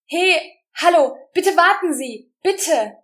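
A woman's voice: high-pitched, expressive, moderate pace, pitched above the performer's own voice. A woman reading a storybook who voices a desperate young woman begging for help in a frantic, pleading voice.

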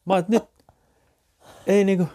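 A man's voice: high voice, flat delivery, dark tone. A man co-hosting a podcast, chatting on a porch in an easygoing, joking way. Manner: easygoing, joking, laughs often. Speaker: podcast co-host. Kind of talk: casual chat. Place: outdoor porch.

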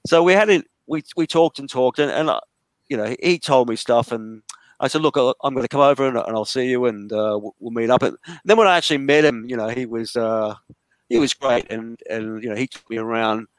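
A man's voice: mid-range voice, brisk, no room sound. Male interview guest, mid-range voice, dry close sound, rambling storyteller. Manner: rambling storytelling with frequent restarts. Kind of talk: conversational interview. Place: lives in a large city.

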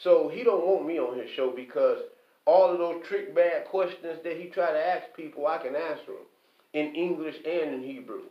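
At normal speed, a high-voiced man rants in an echoey room, an online commentator giving an impassioned monologue. He is emphatic and repetitive, keeps asking "okay?", and turns preachy, quoting scripture. The audio is echoey, distant, and dull lo-fi.

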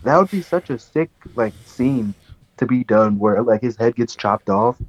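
A young man co-hosting a podcast in relaxed, slangy casual chat. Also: mid-range voice, moderate pace. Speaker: podcast co-host. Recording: dull dry recording.

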